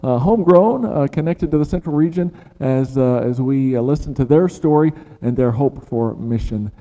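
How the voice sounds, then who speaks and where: A man's voice: medium pitch, moderate pace, dark tone. A man introducing a ministry video to a congregation, hesitant with many "uh" fillers. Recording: long hall reverb.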